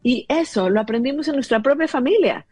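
A woman's voice: sits high, expressive, a little fast, a little mellow, breathy edge, no echo, soft background music. A woman in her fifties talking as a guest about parenting, explaining earnestly with many fillers. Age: 50s. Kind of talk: conversational advice talk.

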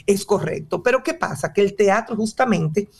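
A woman's voice: mid-range voice, expressive, normal speed, slightly rough. A woman theater director and drama teacher answering interview questions in a passionate, explanatory way.

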